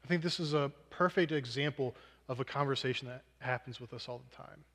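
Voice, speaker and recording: A man's voice: medium pitch, fairly quick, a bit bright. A man preaching a sermon, earnest and self-deprecating, drawing on movie examples, in a church hall with long reverb.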